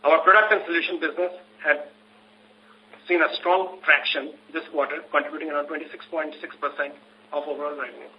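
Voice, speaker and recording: Stiff Indian executive on a muffled speakerphone. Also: male voice, fairly high pitch, steady tone, fairly quick. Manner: stiff, formal read-out of figures. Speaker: company finance executive presenting quarterly results. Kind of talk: scripted earnings call presentation. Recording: muffled telephone conference line, faint noise.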